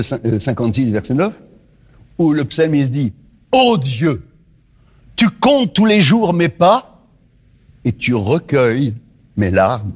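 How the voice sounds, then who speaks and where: Animated husky French preacher. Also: male voice. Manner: animated, swings between loud rises and hushed low questions. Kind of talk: sermon.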